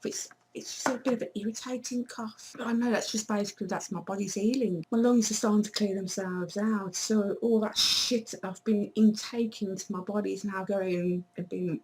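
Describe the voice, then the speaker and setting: A woman chatting casually to camera in a vlog, her voice hoarse and failing, blunt and swearing now and then. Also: mid-range voice, darkish tone, a little hiss or hum, rough recording. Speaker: vlogger.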